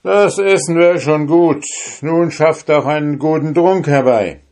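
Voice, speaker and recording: A man voicing a bold, hungry soldier in a fairy tale, loud and boisterous. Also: fairly high pitch, unhurried, pitched above the performer's own voice, natural voice. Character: bold hungry male soldier, cheeky and fearless.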